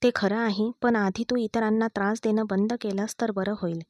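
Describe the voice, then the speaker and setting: A woman's voice: mid-range voice, level tone, normal speed, a little hiss or hum, lightly acted. Woman voicing a defiant hurt young wife. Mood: teasing. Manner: sharp and taunting.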